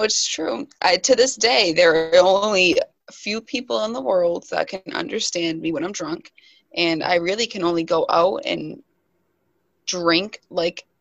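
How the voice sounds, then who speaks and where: A young woman in her twenties, a nurse, talks candidly and at length on a casual podcast, poking fun at herself. Her voice sits low with a gravelly fry. The audio is muffled and completely dry. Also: fairly bright tone, no room sound. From New Hampshire. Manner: candid, rambling, self-deprecating. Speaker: nurse guest.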